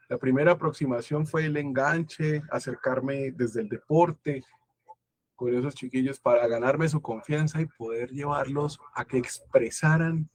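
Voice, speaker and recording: A man's voice: fairly high pitch, dry recording. A Colombian man giving a conference talk as a guest lecturer, thoughtful and searching for his words.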